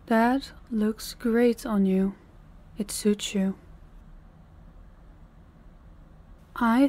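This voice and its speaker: In a roleplay audio, a woman plays a cold, dominant mafia boss who addresses the listener in a deliberate, condescending, commanding manner. Her mellow mid-range voice sounds smug and controlled.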